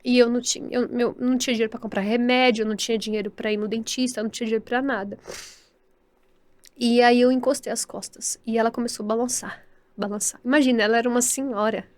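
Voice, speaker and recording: A woman with a Brazilian Portuguese accent, a podcast guest telling her personal story in earnest, halting speech, often repeating words and asking for agreement. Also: fairly high pitch, steady tone. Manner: devout, speaks of faith with feeling. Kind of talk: personal testimony in an interview.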